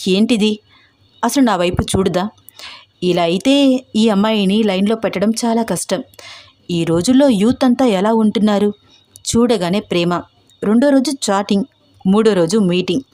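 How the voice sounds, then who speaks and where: A woman's voice: medium pitch, moderate pace, pauses often, darkish tone, no room sound, studio quality, close to an everyday voice. A woman voicing a cocky young man who muses about a girl and calls out to her. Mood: musing.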